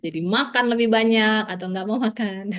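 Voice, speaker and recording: A woman's voice: mid-range voice, moderate pace. A woman psychologist giving a casual, reassuring seminar talk to parents, often dropping in little filler words as she explains. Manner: chatty, peppers speech with "nah" and "ya"; warm, reassuring teaching tone.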